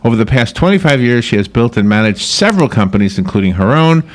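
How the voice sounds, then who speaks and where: A man's voice: medium pitch, sing-song, fast. A man with a Long Island accent hosting a casual radio talk show, rambling and chatty, often checking for agreement. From Long Island, New York, USA.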